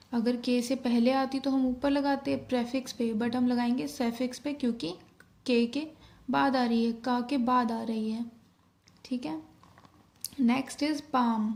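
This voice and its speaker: A woman teaching a shorthand lesson, explaining each step slowly in Hindi with English terms mixed in. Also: sits high, a little mellow.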